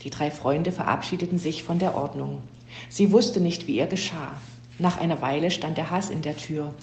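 A woman reading a children's story aloud in a steady, even storybook narration. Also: low-pitched, normal speed, reverberant, a little hiss or hum.

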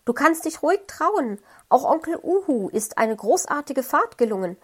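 A woman's voice: fairly high pitch, big pitch swings, moderate pace, a little mellow. A woman voicing an enthusiastic young male fox who encourages his friends. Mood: eager.

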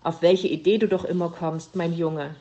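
A woman voicing a gentle, patient mother hedgehog in a children's story reading, with sniffing sounds. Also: on the low side, steady tone, moderate pace, lightly acted.

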